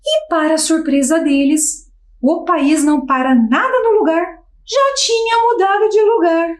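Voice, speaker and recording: A woman's voice: extremely high pitch, measured pace, roomy sound. A woman teacher reading a children's story aloud, switching voices for the characters.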